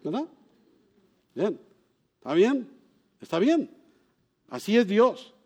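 A man's voice: sits high, slow. A man preaching a sermon, telling stories with sudden exclamations and asking his listeners questions. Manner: animated storytelling with sudden exclamations; asks the congregation questions.

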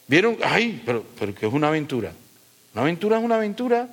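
A middle-aged pastor preaches emphatically, very animated and fast, firing rhetorical questions at the congregation and dropping from loud high points into low asides.

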